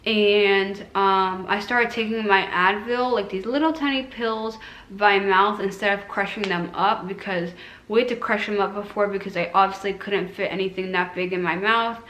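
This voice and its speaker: A woman's voice: mid-range voice, normal speed, fairly bright tone. A woman vlogger chatting casually and informally as she recounts a personal experience. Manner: conversational, informal recounting with quoted asides. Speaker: vlogger recounting own surgery recovery. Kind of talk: casual chat to camera. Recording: roomy, echoing room sound.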